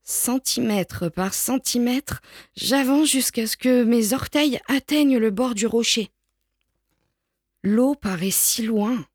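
Brief: woman reading a storybook aloud, unhurried and gentle, close dry sound. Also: a little high, dry recording. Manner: slow, gentle storytelling with lifted voices for the brother. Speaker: storybook reader. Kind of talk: children's book read aloud.

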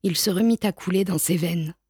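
A woman reads a storybook aloud in a calm, measured, unhurried manner. Her voice sits on the lower side, and the recording is close and dry with no room sound. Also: breathy edge, no echo. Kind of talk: storybook reading.

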